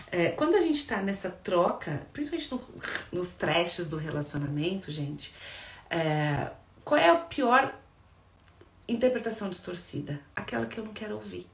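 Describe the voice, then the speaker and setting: A Brazilian-accented woman psychologist teaches in a lively, direct way and keeps checking in with her listeners. Her voice sits at an ordinary pitch. The room is echoey, with a faint hum of background noise. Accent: Brazilian Portuguese. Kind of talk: explanatory talk to viewers.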